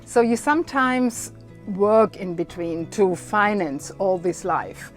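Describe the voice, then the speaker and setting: A woman's voice: mid-range voice, expressive, slow. A woman who speaks English as a second language, hosting a casual interview and narrating. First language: not English. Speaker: host interviewer. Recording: background music.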